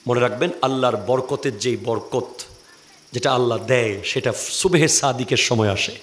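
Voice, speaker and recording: A man from Bangladesh preaching a waz sermon to a crowd, his delivery moving between quiet, measured stretches and shouted, fiery exhortations. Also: mid-range voice.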